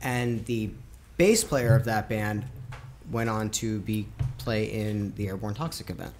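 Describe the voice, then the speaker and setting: A man's voice: fairly low pitch, unhurried, a little mellow, a little hiss or hum. A man hosting a podcast, chatting casually, rambling and joking with heavy swearing. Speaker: podcast host. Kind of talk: casual chat.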